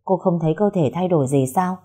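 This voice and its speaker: A woman voicing a kind, concerned male doctor who asks questions calmly. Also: fairly low pitch, fast, slightly rough. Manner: calm, gently questioning.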